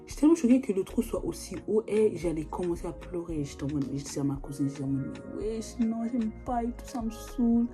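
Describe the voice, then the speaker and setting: A woman's voice: medium pitch, dark tone. Young woman, slangy casual vlog chat, lots of fillers, phone recording, faint background music. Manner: chatty, slangy, full of fillers. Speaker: vlogger. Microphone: phone or video call.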